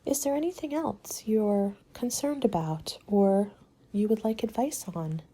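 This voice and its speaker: This is a calm, helpful ASMR roleplay in which a woman portrays a polite, helpful party planner. Her pitch is medium, her delivery breathy and soft, and she advises in a measured, courteous manner.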